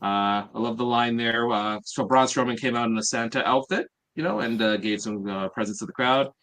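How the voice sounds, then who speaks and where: A man hosting a casual podcast, talking in an unpolished, rambling way. His voice is mid-pitched and ordinary. He fills pauses with lots of "uh"s as he recaps. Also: fairly even intonation, fairly bright tone. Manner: rambling, filler-heavy, many "uh"s. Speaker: podcast host.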